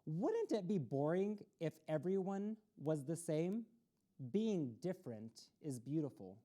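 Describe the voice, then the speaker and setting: Her voice low and warm, a woman reads a picture book with great animation and no hurry for a community TV storytime. Speaking straight to the children from the studio, she keeps cheering them on.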